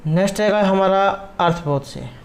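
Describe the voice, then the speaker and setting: A man's voice: high-pitched, moderate pace. Man methodically explaining exam questions. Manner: methodical, walks through answer options. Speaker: Sanskrit exam tutor.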